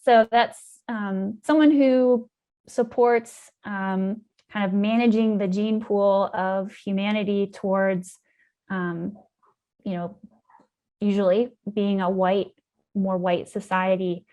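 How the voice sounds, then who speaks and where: A woman's voice: mid-range voice, fairly even intonation, takes it slowly, lo-fi sound. A woman scientist telling a story in an interview, thoughtful, with frequent ums and you-knows, and livelier when she recounts key moments. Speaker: guest scientist.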